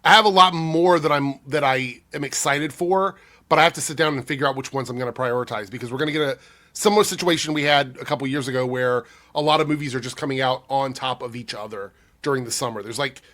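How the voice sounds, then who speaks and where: Breathy man with a cold, chatting casually. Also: mid-range voice, fast talker, pushed and bright. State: under the weather with a cold. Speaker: YouTube commentator. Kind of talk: casual talk answering viewer comments.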